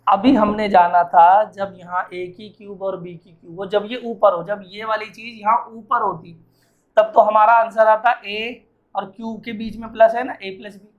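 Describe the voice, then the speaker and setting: A man with a high voice teaches arithmetic while writing, questioning himself and supplying the answers, clearly tired and sweaty. The math teacher's recording has a lo-fi sound.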